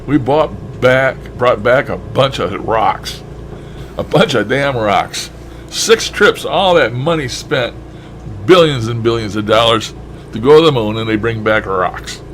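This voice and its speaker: A man with a mid-range, fairly bright voice, a shortwave radio hobbyist vlogger, rambles casually in a folksy, blunt, mildly profane monologue. A little hiss or hum sits under the recording.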